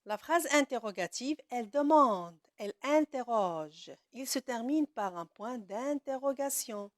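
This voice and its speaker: A woman teacher with a somewhat high voice walks through a grammar lesson at a very slow, careful pace. She drags out the key words and keeps praising the class. The sound is dry and close. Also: lively intonation, dry recording.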